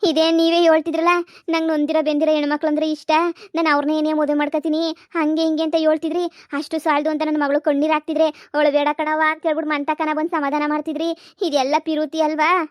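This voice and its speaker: Woman voicing a shrill nagging village auntie. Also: little pitch movement, quick pace, no room sound, clean studio sound, close to an everyday voice. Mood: indignant. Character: fifty-something village woman, pushy, clingy. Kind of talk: cartoon comedy voice acting.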